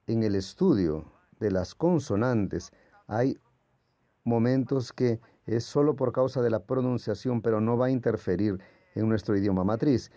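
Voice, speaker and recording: A man's voice: mid-range voice, unhurried, warm tone, no room sound. A man whose first language is Portuguese gives a patient, explanatory lecture as a Greek language teacher, sounding out letters as he goes. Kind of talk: classroom lecture.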